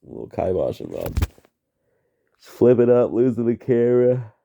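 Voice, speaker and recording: A man's voice: mid-range voice, wildly swooping pitch, normal speed, vocal fry, warm tone. A man giving a rambling, profane solo vlog monologue, trailing off on tangents and tagging "man" onto his sentences. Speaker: vlogger.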